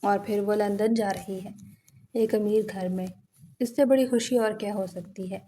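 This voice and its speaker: A woman's voice: medium pitch, steady tone, mellow, a little hiss or hum. A woman giving an earnest, emotional scripted narration of a first-person moral story.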